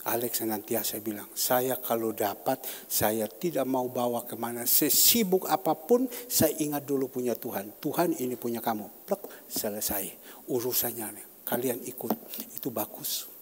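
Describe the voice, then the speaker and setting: A man preaching a sermon as pastor, swinging between loud bursts and quiet asides. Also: medium pitch, normal speed. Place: church hall. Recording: church hall reverb, faint ambience.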